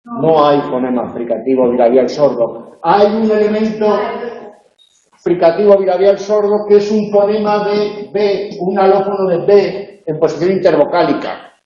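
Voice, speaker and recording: A man's voice: high-pitched, normal speed, warm tone. A man teaching a university phonology tutorial in a classroom, explaining step by step with frequent "eh" and tag questions. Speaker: university lecturer. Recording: echoey room, dull lo-fi sound.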